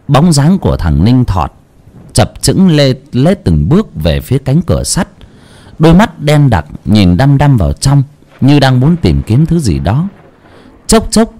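A man narrating a horror story in a slow, brooding, expressive way. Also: mid-range voice.

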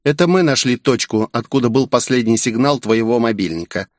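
A man's voice: medium pitch, fairly quick, dry recording, studio quality, pitched above the performer's own voice, lightly acted. A man voicing a blunt, grumbling young woman in an audiobook.

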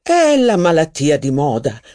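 A man's voice: on the high side, huge pitch swings, measured pace, a little mellow, dry recording, clean studio sound. A reader voicing a knowledgeable male archivist who corrects others in a matter-of-fact way. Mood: precise.

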